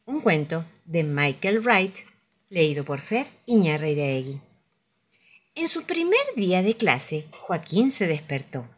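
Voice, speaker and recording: A woman's voice: deep voice, very animated, takes it slowly, breathy edge. Sing-song woman reading children's stories. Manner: soft, playful, sing-song delivery. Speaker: storyteller.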